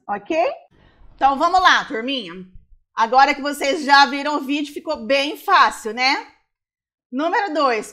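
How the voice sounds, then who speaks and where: A Brazilian woman teaching a primary school class, sounding out words slowly syllable by syllable. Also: high voice, pushed and bright. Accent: Brazilian Portuguese. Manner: slow, syllable-by-syllable explaining.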